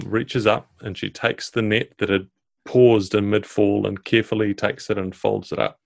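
Gravelly, low-voiced man as game master. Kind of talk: improvised tabletop game narration.

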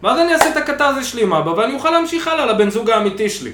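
Brief: loud, animated male podcast co-host, high lively voice, roomy faintly noisy room. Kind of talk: casual podcast banter.

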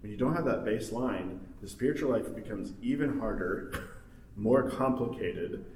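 A man's voice: on the low side, normal speed, darkish tone. Rambling thirties man in roomy group chat. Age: 30s. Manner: rambling, many fillers and laughs. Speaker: study group member. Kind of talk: casual group discussion. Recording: roomy, distant mic, faint noise.

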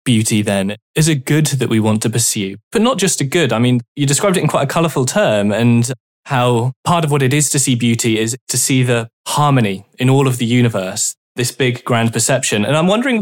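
A man with a mid-range voice interviews a guest. He builds his questions slowly and thoughtfully. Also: mid-range voice, lively intonation. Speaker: podcast interviewer.

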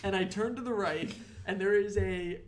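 A young man hosting a casual podcast, telling a story in an animated, swearing way. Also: high-pitched, normal speed. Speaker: podcast host. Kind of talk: casual chat. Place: apartment room.

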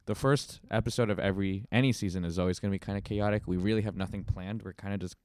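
A man's voice: lowish voice, fast, no echo, clean studio sound. Laid-back young man, casual podcast chat. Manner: laughs often, relaxed rambling. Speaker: podcast co-host. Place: home bedroom.

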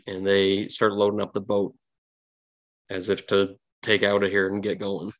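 A man's voice: lowish voice, monotone, moderate pace, no echo. Man narrating a tabletop game, dry sound. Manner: dramatic storytelling with casual asides. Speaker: game master.

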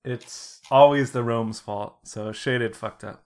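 A man's voice: mid-range voice, steady tone, slow pace. A young man in casual gaming banter, talking bluntly like a bro and swearing freely. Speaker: team sub coach on a podcast. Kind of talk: casual chat.

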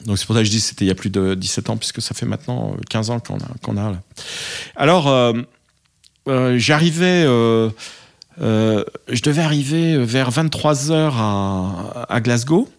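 Guy recounting a flight, lots of euh and restarts, mid-pitched voice. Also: gravelly. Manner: halting, many fillers and restarts; acts out radio calls in English. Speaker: pilot telling a story. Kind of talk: casual anecdote.

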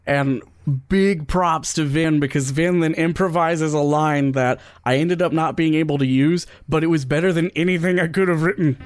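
A man's voice: on the high side, steady tone, normal speed, dry recording, clean studio sound. A man hosting and editing a podcast, giving casual behind-the-scenes commentary in a wry, playful way. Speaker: podcast host and editor.

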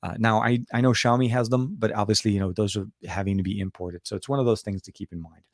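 A man's voice: lowish voice, fairly even intonation, fast talker, no room sound, clean studio sound. A middle-aged man hosting a casual tech livestream, rambling and rephrasing as he chats with viewers, his voice slightly coarse and worn from a night out. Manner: rambling, repeats and rephrases words. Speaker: tech reviewer and livestream host.

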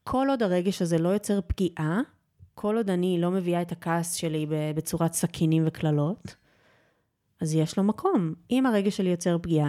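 Soft-spoken woman, mellow low voice. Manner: gentle, deliberate, repeats phrases for emphasis. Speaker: guest, yoga teacher and personal growth guide. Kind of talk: reflective podcast conversation.

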